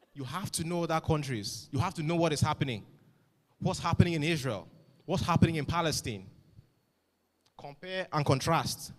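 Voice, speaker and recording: Middle-aged man, motivational speaker, firm and rhetorical, lots of hall reverb. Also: on the high side. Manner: emphatic, rhetorical questions, swings loud and soft. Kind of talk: motivational address to students.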